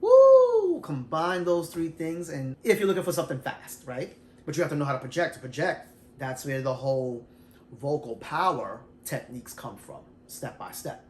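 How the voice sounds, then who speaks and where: Man, middle-aged, casual storytelling, animated, roomy echo. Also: mid-range voice, moderate pace. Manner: animated, self-described shy introvert, loose and conversational. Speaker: vlogger sharing singing tips.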